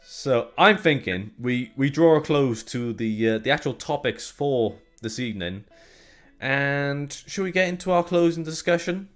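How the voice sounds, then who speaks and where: With lively intonation and a medium pitch, this young co-host from Wales, lightly accented, speaks at a measured pace on a casual tech podcast. He jokes, chats, and rambles with frequent restarts as faint music plays behind him.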